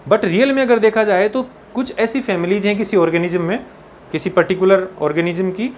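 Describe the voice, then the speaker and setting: A man teaching biology for an entrance exam, mixing Hindi and English, slowing down to dictate textbook lines and often checking in with his students. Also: sits high, a little mellow, slight background noise. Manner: slows down to dictate English textbook lines, keeps asking "ठीक है ना". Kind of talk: exam-prep lecture, Hindi mixed with English.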